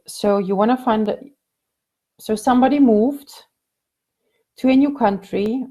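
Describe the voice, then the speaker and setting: A career coach answers viewer questions in a live Q&A, her medium-pitched voice creaky and warm. She keeps it conversational, full of fillers and restarts.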